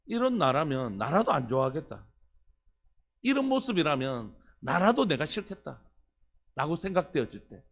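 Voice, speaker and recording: A pastor preaching an earnest early-morning sermon, putting questions to the congregation. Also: male voice, a little high, a bit bright.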